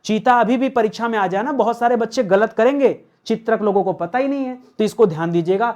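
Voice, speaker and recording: A man's voice: high-pitched, fast talker, darkish tone, highs cut off. A man teaching an online grammar class. He asks his viewers questions, answers them himself and repeats the key words.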